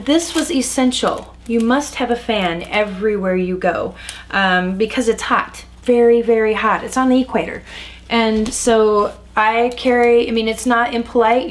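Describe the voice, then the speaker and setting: A woman's voice: on the high side, a little slow. Chatty American woman in her forties. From United States. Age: 40s. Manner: chatty, laughs easily, frequent ums. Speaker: interviewee. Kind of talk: relaxed reminiscing conversation.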